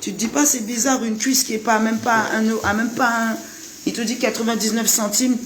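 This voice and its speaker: Man from Guadeloupe, high voice, preachy repetitive vlog rant, faint hiss behind. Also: little pitch movement, fairly quick, a bit bright. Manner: repetitive, rhetorical, addresses the listener directly. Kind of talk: impassioned monologue to camera.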